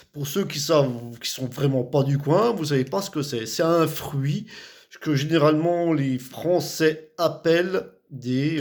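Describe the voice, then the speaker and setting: Talking casually about local words, this man from the Vosges in France has a Vosges French accent and a fairly high, gravelly voice. His speech comes in loose, repetitive bursts with plenty of fillers.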